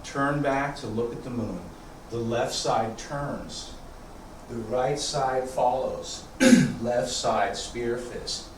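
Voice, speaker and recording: A man leading tai chi practice as instructor, calling serene, sparse movement cues in calm, measured short phrases. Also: medium pitch. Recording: echoey room, distant mic, background noise.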